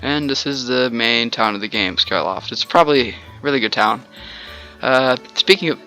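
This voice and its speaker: A man's voice: mid-range voice, expressive, moderate pace, pushed and bright, soft background music, poor audio. A man from the American South giving rambling, joking commentary while playing a video game. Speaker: let's player. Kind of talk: casual gameplay commentary.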